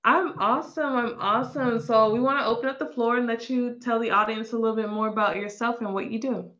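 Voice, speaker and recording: A woman's voice: fairly high pitch, fairly even intonation, brisk, a bit bright. A woman hosting an interview show, upbeat and encouraging, often repeating her phrases. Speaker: podcast host. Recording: dull lo-fi sound.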